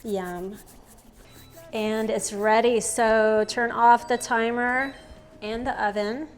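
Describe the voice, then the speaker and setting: Soft, slow-talking woman in a home kitchen. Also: on the high side, smooth. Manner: relaxed, savoring, soft-spoken. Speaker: cooking vlog host. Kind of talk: casual cooking chat.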